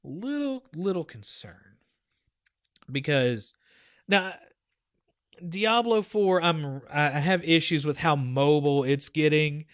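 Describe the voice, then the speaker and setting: A man's voice: on the high side, slow pace, clean tone. A man hosting a gaming podcast, talking in a rambling, chatty way with frequent fillers. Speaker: podcast host. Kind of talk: casual chat.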